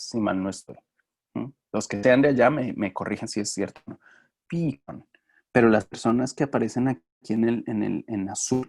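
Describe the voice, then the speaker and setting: Low-voiced man teaching phonetics. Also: gravelly, darkish tone, slightly rough. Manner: hesitant, many fillers and restarts, asks students questions. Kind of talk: recorded lecture.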